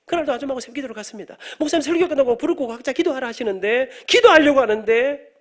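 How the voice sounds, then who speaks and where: Lively fast-talking middle-aged preacher. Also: male voice, very high voice. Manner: animated storyteller, jokes with the congregation. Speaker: guest preacher, professor. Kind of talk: storytelling sermon. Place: church sanctuary.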